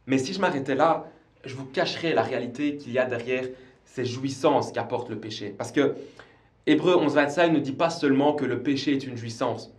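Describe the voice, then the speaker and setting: A man's voice: medium pitch, moderate pace, reverberant. A man preaching a livestreamed church sermon, earnest and repeating words as he goes. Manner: earnest, repeats himself with small stumbles. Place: church service streamed live.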